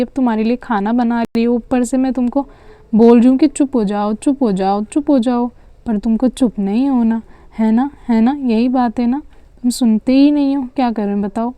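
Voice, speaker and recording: A woman's voice: a little high, dark tone, smooth, no room sound, natural voice. A woman voicing a stressed, scolding mother doll in a homemade doll story, nagging and weary. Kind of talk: doll story play-acting.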